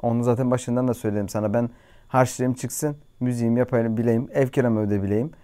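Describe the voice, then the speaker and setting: A man's voice: medium pitch, fairly even intonation, fast talker, warm tone. A man in his thirties with a Cypriot Turkish accent, a singer answering interview questions in an earnest, reflective way with hesitant fillers. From Cyprus. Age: 30s. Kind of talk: casual chat. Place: studio.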